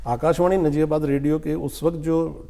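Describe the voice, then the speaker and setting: An older man being interviewed as a guest poet, telling stories at an unhurried pace and acting out what others said to him. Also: fairly high pitch, level tone, creaky, dark tone. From India. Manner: unhurried anecdotes, acting out quoted speech. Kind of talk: storytelling interview.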